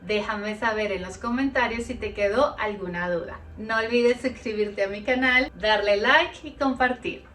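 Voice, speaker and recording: A woman teaching English grammar, speaking slowly and carefully and reading example words one at a time. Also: mid-range voice. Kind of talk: explaining grammar to learners. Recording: voice a bit far from the mic, soft music behind.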